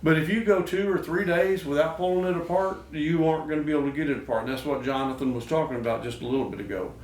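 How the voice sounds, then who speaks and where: A man's voice: on the high side, fairly even intonation, fast talker. A man hosting a show, giving casual, instructional talk. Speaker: host of a duck call show. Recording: echoey noisy room, distant mic.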